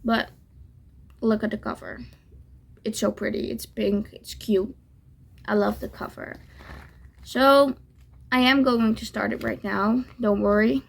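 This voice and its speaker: A woman's voice: a little high, steady tone, a little slow, creaky, long pauses. A woman chatting casually to her viewers in a reading vlog, gushing and repeating herself to reassure them. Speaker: book vlogger.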